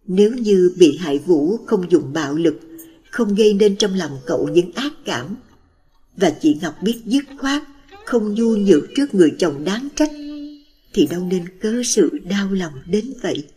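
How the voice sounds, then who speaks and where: A woman with a Southern Vietnamese accent narrating a true-crime TV program in a solemn, measured tone. Her voice is dark and husky, with a long reverb trailing each line. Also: fairly low pitch, lively intonation. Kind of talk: scripted documentary narration.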